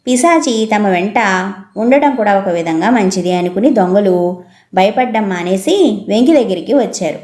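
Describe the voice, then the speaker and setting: Mellow-voiced woman telling a folk tale. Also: medium pitch, lively intonation, moderate pace, reverberant. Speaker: storyteller. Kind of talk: storybook narration.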